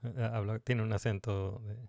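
A man's voice: lowish voice, level tone, moderate pace, creaky, dark tone, dry recording. A man talking casually, hesitant, with many fillers and restarts as he asks questions. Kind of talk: casual conversation about a series.

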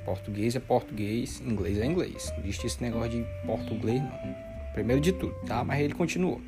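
A man's voice: medium pitch, a little fast. A man, teaching a casual spoken lesson as an English teacher, repeating and drilling words and checking in often with his listeners. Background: guitar music.

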